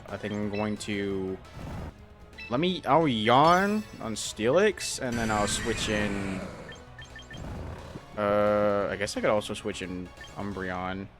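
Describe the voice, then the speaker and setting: A young man casually commenting on his own gameplay, thinking aloud with a self-deprecating, hesitant manner and frequent restarts. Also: lowish voice. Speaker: gaming YouTuber.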